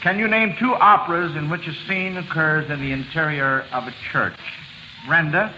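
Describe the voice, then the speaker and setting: A man with a fairly high voice hosts an old-time radio quiz at a moderate pace, chuckling and fumbling in a schoolmasterly way. The broadcast is noisy and crackling, with a steady, loud hiss beneath it.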